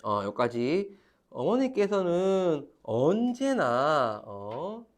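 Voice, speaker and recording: A man's voice: fairly high pitch, very animated, drawn-out words. A man teaching a grammar class, repeating key terms and calling on students to read. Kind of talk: classroom lecture.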